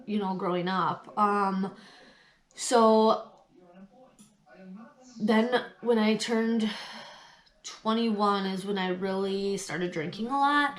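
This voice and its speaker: A woman tells her own story in a candid, conversational way. Her nose sounds stuffed up with a cold, and her voice sits at a middle pitch. She goes hesitantly, pausing to recall things as she speaks. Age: adult past late twenties. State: has a cold. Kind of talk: candid personal storytelling to listeners.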